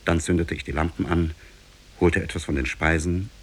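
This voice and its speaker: An actor playing a grieving young man telling his sad tale in a 1950s radio drama, with a measured, sorrowful delivery. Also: low-pitched, steady tone, slightly rough. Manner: measured storytelling, sinks into sorrow. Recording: old tape, muffled radio play.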